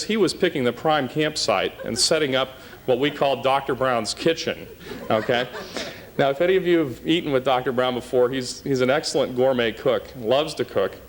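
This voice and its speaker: A man giving a humorous, anecdotal after-dinner tribute speech as a scout troop leader in a banquet hall. He often tags his sentences with "okay?". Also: mid-range voice.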